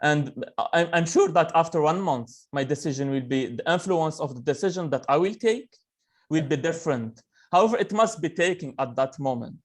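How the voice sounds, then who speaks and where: A man's voice: fairly high pitch, expressive, moderate pace. Earnest young man from Algeria. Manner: earnest, many fillers and restarts. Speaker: webinar speaker. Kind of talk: motivational talk on a video call.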